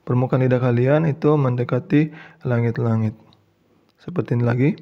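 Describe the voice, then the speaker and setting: A man teaching Quran reading step by step, with an Indonesian accent, who speaks patiently, repeats each example and chants the key words drawn out and louder. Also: medium pitch, normal speed, highs cut off. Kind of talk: slow step-by-step tutorial.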